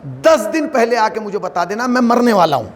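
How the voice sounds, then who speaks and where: A man voicing a calm, elderly male prophet who makes kindly, measured requests while retelling a story in a sermon. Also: sits high. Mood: asking. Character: calm, aged male prophet, gently commanding. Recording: long hall reverb, faint noise.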